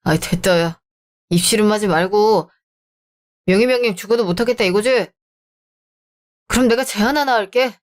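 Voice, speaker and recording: A woman's voice: mid-range voice, normal speed, long pauses, natural voice. A woman voicing an arrogant, controlling young man who talks down to his fiancée, as part of a radio drama reading. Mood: scheming. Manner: condescending, bullying. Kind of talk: Korean story-channel radio drama reading.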